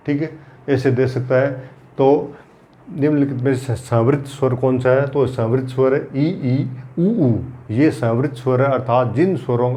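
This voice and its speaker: A man's voice: medium pitch, dark tone. A man teaching Hindi grammar in an exam-prep lecture, repeating key points and using everyday examples to drill them.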